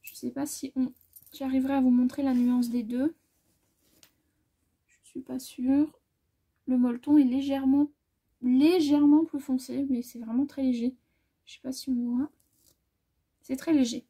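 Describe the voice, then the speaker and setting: A woman sewing vlogger chatting casually through a fabric haul, rambling and correcting herself as she measures, often trailing off softly. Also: high voice, little pitch movement, measured pace, long pauses, breathy edge. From France.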